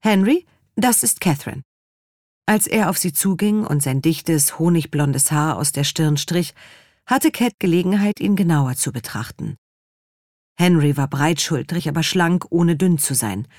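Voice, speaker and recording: A woman with a low voice reads an audiobook in a calm, even storytelling manner. She is close to the mic, and the recording is dry, with no room sound. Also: measured pace, no room sound. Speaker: narrator. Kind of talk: scripted audiobook narration.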